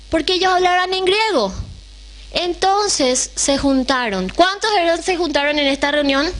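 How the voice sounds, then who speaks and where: Lady teaching bible class, bright voice, keeps asking the room questions. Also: high voice.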